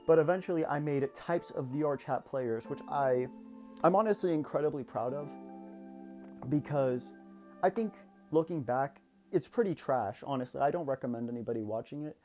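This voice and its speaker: A YouTuber in his late teens talks candidly and reflectively in a personal vlog, rambling a little and restarting sentences. His medium-pitched, darkish voice moves at normal speed over soft background music.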